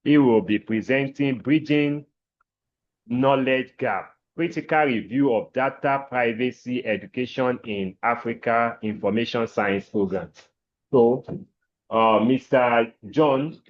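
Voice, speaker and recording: A man's voice: mid-range voice, slow pace. A man moderating a conference session as chair in a formal, courteous and ceremonious way. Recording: dull, lo-fi sound.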